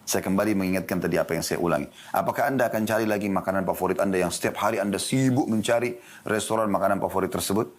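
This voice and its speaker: Speaking fast in a low voice, an Islamic preacher lectures in a studio. He keeps things lively by posing rhetorical questions to his audience and answering them himself.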